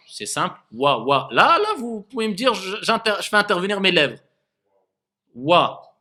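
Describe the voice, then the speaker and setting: A man's voice: sits high, bright, forceful tone. A man teaching a classroom lesson on recitation, demonstrating letter sounds again and again and questioning his students.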